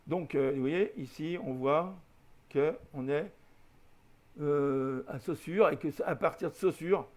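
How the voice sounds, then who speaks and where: A man with a slightly high voice talks through a screen-recorded flight simulator lesson. He explains step by step in a loose, conversational way, spells out waypoint letters one by one and mutters small corrections at his own slips. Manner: chatty and patient, spells out letters, corrects himself with small sighs. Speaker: flight simulator tutorial host. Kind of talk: casual screen-recorded tutorial.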